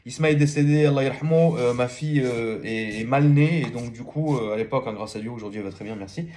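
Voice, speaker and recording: A man's voice: mid-range voice, fast talker, darkish tone, slight background noise. Rambling man vlogging at night. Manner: rambling, filler-heavy, slangy. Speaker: car YouTuber. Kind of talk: casual late-night vlog chat.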